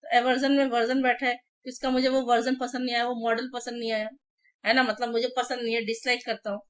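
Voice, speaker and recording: A woman's voice: on the high side, level tone, quick pace. An Indian woman, a Hindi speaker, teaching exam vocabulary online, drilling words by repetition with memory tricks. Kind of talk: online exam-prep lesson.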